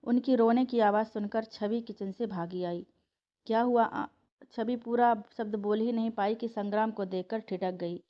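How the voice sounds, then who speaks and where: A woman reading a family story aloud as scripted narration, in a steady, emotive storytelling manner. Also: medium pitch, normal speed, few pauses, lo-fi sound.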